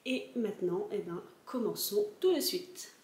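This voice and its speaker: A woman's voice: mid-range voice, lively intonation, unhurried, roomy sound. A woman vlogger chatting casually as she explains a history, with frequent hesitations.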